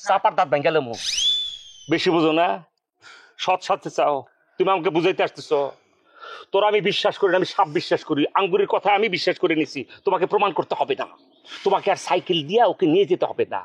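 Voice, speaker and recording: A huffy jealous husband. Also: male voice, high voice, quick pace, husky, dry recording. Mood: lecturing. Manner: theatrical ranting, mocking questions. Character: hot-tempered jealous middle-aged husband, bossy.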